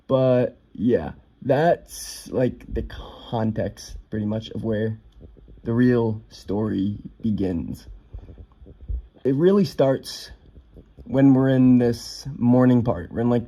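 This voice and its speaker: A man's voice: medium pitch, mellow. Laid-back young man telling a story. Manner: offhand, swears casually, lots of fillers. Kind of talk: casual storytime narration.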